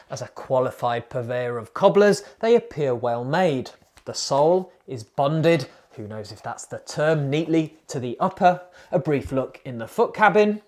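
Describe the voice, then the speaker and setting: A man reads a scripted cycling review with deadpan, self-mocking humour. His pitch swings up and down a lot, so the jokes land with plenty of lift. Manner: dry self-mocking wordplay. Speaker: cycling vlogger. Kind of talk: scripted comic review narration.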